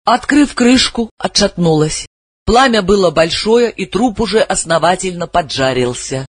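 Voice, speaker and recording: A man narrates a story in a lively, dramatic way, his high voice rising and falling widely. There is a breathy softness to it. The sound is dry and close to the mic. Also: moderate pace, dry recording. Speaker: audiobook reader.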